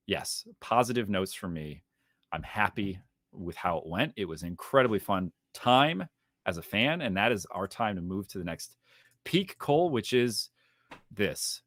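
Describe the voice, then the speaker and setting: A young man hosting a casual esports podcast, talking fast and joking around. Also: sits low, no room sound, studio quality. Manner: energetic, jokey, fast-talking. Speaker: podcast host.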